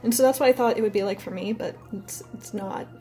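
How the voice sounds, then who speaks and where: A woman's voice: mid-range voice, quick pace, mellow, soft background music. A young adult woman vlogging in a casual, candid, rambling way, telling personal stories and swearing now and then. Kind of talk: casual personal storytelling to camera.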